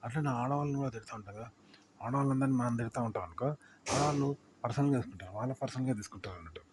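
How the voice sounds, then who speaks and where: A man's voice: mid-range voice, rapid-fire, background noise. A man explaining YouTube tips in casual talk, rambling and repeating his points as he asks the listener if they follow. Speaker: YouTube creator giving tips.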